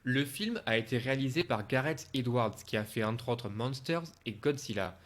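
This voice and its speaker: Critique de cinéma français, homme, narration écrite. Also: male voice, mid-range voice, fairly bright tone. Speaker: film reviewer. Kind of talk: scripted review narration.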